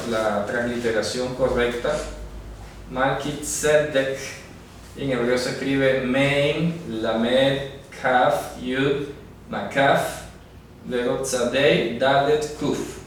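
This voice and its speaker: A man with a mid-range voice and steady tone teaches a Bible lesson slowly at a writing board, explaining carefully and repeatedly asking rhetorical questions to check that listeners follow. A distant camera mic captures him in a very echoey room with faint noise.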